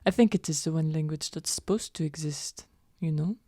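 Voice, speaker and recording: A woman playing a smug, haughty elemental being in a tabletop game, deadpan and self-satisfied. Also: low-pitched, fairly quick, no room sound, clean studio sound. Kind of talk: tabletop role-play in character.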